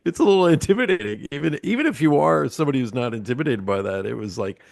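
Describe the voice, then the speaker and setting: A man's voice: fairly high pitch, fast, vocal fry, a little mellow, no room sound, clean studio sound. A man in his sixties from Pennsylvania hosts a casual interview, rambling with lots of ums and uhs. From Pennsylvania, USA. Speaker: podcast host.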